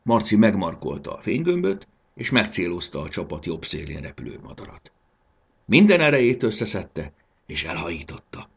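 Low husky guy reading a kids' fantasy story, big swings in pitch, lots of drama. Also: very animated. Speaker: narrator.

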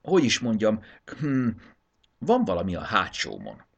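A man voicing a shy little male math notebook that talks in a fussy, apologetic way, in a low, gravelly voice. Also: wildly swooping pitch, lo-fi sound, exaggerated voice. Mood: prim apologetic. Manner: fussy, apologetic, long-winded.

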